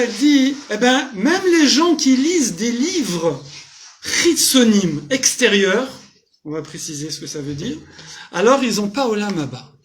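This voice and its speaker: In a small community centre hall, a man with a high voice leads a lively, informal Torah class for a group. Casual and jokey, he quizzes the audience and translates Hebrew terms along the way.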